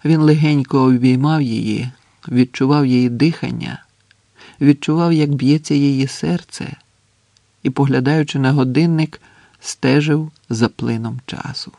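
A man narrating a novel as an audiobook in a measured, even manner. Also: medium pitch, creaky, no room sound. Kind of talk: scripted narration.

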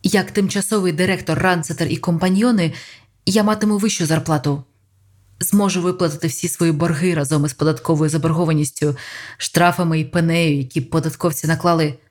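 A man's voice: a little high, fairly even intonation, a little fast, close to an everyday voice. An audiobook reader voicing an ambitious young man who is earnest and plans aloud. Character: ambitious young man, hopeful yet doubting.

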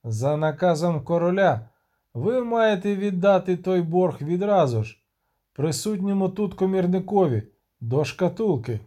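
A man's voice: sits high, animated, a little slow, warm tone, voice pushed up. A man voicing a stern, authoritative male military commander who proclaims orders. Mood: commanding.

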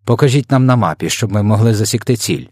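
A man's voice: on the low side, expressive, fast talker, darkish tone, no echo, studio quality. A pompous, touchy air marshal, read by a man. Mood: indignant. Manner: indignant, stiff, pompous. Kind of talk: storybook character voice.

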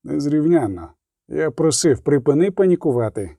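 A man voicing a calm, terse male monster hunter in an audiobook, speaking slowly and flatly. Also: on the high side, creaky, no echo, clean studio sound. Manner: terse, level, unhurried. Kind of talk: audiobook character voice.

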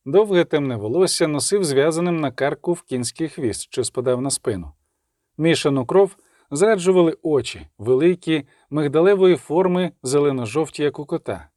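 A man giving a measured, vivid audiobook narration, recorded close on a studio mic. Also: a little high, expressive, darkish tone, dry recording. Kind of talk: scripted narration.

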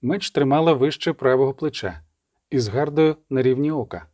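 A man narrating a story in a steady, measured way. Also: medium pitch, dry recording, clean studio sound. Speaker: audiobook narrator. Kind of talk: scripted narration.

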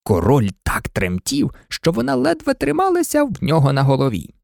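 Male storybook reader, very animated, gravelly tone, dry close sound. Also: a little high, moderate pace, no room sound. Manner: animated, swooping up and down. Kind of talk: expressive storybook narration.

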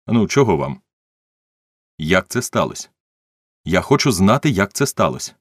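A man voicing a rough, commanding wealthy man who talks in a gruff, domineering way. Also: low voice, sing-song, normal speed, no echo, studio quality.

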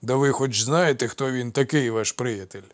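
A man reading aloud and voicing a wise old centaur teacher who talks in a calm, mock-stern, patient way. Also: medium pitch, a little slow, close to an everyday voice.

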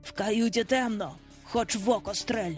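A woman's voice: on the high side, a little slow, faint music behind, lightly acted. A woman narrator voicing a frightened male pirate sailor who stammers out his report.

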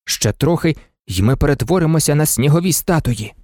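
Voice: medium pitch, animated, brisk, darkish tone, no room sound, studio quality, close to an everyday voice. A narrator doing cold, envious toy soldiers. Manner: complaining. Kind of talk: storybook reading.

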